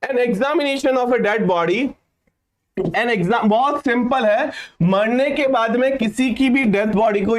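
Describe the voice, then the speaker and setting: Man, high-pitched voice, English teacher, slow read-aloud sentences then quick explanations, online exam-prep lesson. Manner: reads English sentences slowly, then explains in Hindi, addressing students.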